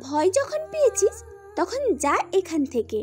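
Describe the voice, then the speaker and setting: A woman voicing a feisty, sharp-tongued young woman in an audio story drama, teasing and scolding. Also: very high-pitched, sing-song, moderate pace, faint music behind.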